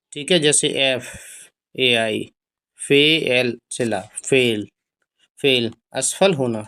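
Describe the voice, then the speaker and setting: A man's voice: mid-range voice, a bit bright. A man with a Hindi accent teaching English phonics, spelling out each word letter by letter and repeating it with its meaning. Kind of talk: phonics lesson spelling out words.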